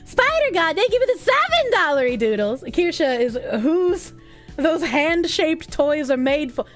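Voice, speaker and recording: A woman's voice: high voice, big pitch swings, measured pace, faint music behind. A woman with a Boston accent hosting a livestream, chatting casually and bawdily with her viewers, joking and swearing freely. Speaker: livestream host.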